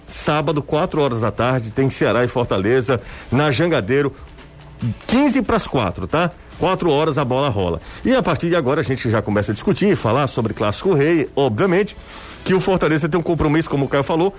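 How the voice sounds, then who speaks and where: A man's voice: fairly high pitch, big pitch swings, a little fast. A man hosting a conversational sports radio show, his speech slightly impeded as if by a sore, swollen tongue. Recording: music bed behind the voice. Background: music.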